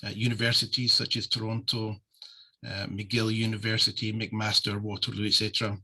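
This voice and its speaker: Speaking on a video call from Scotland, this trade office deputy director presents a webinar in a friendly, casual way full of "uh"s. His lowish, slightly rough voice is sharp in tone, moving at a moderate pace with an utterly flat delivery.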